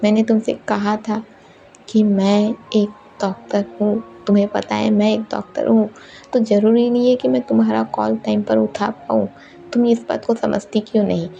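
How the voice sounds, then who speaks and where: A woman's voice: medium pitch, level tone, moderate pace, vocal fry, dark tone, highs cut off, faint music behind. A woman voicing a young woman doctor who placates her upset girlfriend, soothing and mildly exasperated.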